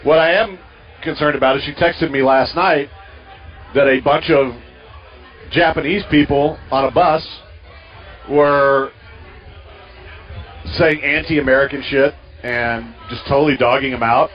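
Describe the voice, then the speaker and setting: A middle-aged man co-hosting a radio show, telling jokes in a dry, deadpan way. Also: medium pitch, a little slow, long pauses, lo-fi sound, soft background music. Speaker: radio co-host. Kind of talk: casual banter.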